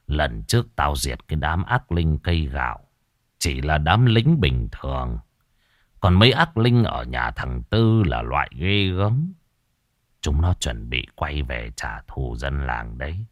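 A man's voice: extremely low pitch, dry recording, clean studio sound, pitched below the performer's own voice, full character voice. A man voicing a grave old village sorcerer. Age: older.

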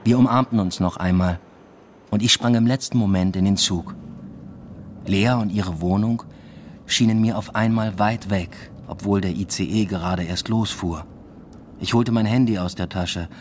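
An actor with a voice on the low side, lightly acted, narrates and leads a first-person radio drama at a moderate pace as a reserved young man describing a new love affair. The mood is reflective and understated, the manner matter-of-fact, with slight background noise.

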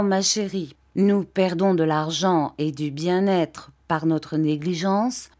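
Woman voicing an earnest young husband, gentle, pleading, slow, audiobook. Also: medium pitch, close to an everyday voice. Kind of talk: audiobook reading.

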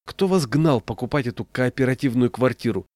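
A man's voice: medium pitch, fairly quick, a little mellow, no echo, close to an everyday voice. A man voicing a nervous grown son who reproaches his mother, recorded dry and close. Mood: reproachful.

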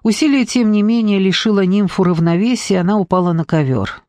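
A man reads an audiobook in an even, measured storytelling manner. His voice sits fairly high for a man. The recording is dry and close, with no room sound. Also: no echo. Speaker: audiobook narrator. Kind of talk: scripted audiobook narration.

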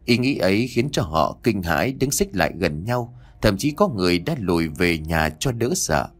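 A man giving a dramatic, expressive reading of a scripted horror story. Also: sits low, normal speed.

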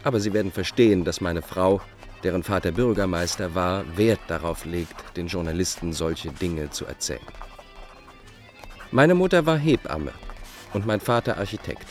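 An actor with a low, animated voice speaks at a moderate pace over faint music, voicing a bitter, self-justifying Dutch fugitive. In this radio drama monologue he reads his letters aloud, enumerating each point in a formal, pedantic manner. He sounds bitter and insistent.

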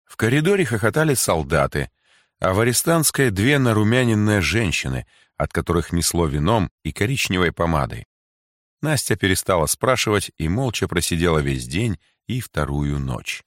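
Guy reading an old story aloud, lowish voice, very lively delivery. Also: normal speed, no echo, studio quality.

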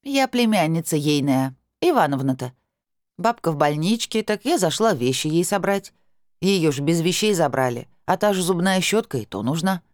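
A woman's voice: medium pitch, huge pitch swings, moderate pace, darkish tone, no echo, studio quality, voice pushed up. A woman voicing a brash, rude middle-aged woman who shrieks and then turns fawning. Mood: wheedling.

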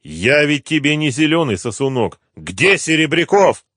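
A man's voice: fairly high pitch, sing-song, normal speed, fairly bright tone, dry recording, studio quality, pitched above the performer's own voice. A sneering gang boss, as a man reads him. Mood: threatening. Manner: sneering, bullying interrogation. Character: menacing male gang boss, mocking and cruel.

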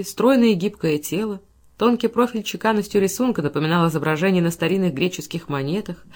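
Woman narrating a classic novel. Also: mid-range voice. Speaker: audiobook narrator. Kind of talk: literary audiobook narration.

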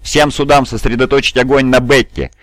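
A man's voice: medium pitch, steady tone, brisk, dry recording, pitched above the performer's own voice, lightly acted. A man playing an alarmed fleet commander. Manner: urgent, shouting commands. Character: alarmed male fleet master under fire.

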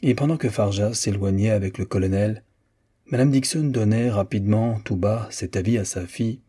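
Homme à la voix sombre et voilée. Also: male voice, moderate pace, mellow, breathy edge. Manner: acts out each character with raised pitch. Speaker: audiobook reader. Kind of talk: scripted narration.

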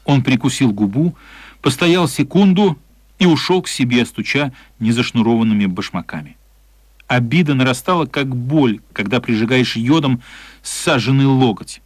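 An actor playing a thoughtful storyteller, narrating a children's radio play in an expressive, reflective way. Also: male voice, medium pitch, normal speed, husky, dry recording. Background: music.

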